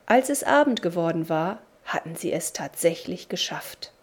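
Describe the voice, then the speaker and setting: A woman reading a devotional story aloud in a slow, deliberate storybook manner. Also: lowish voice, animated. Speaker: narrator.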